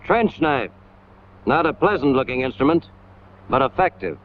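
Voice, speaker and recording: The narration of this scripted 1940s military training film comes from an American man speaking emphatically in hard-hitting, clipped phrases. He has a medium-pitched, sing-song voice and a moderate pace, captured on a scratchy, tinny 1940s soundtrack with loud noise.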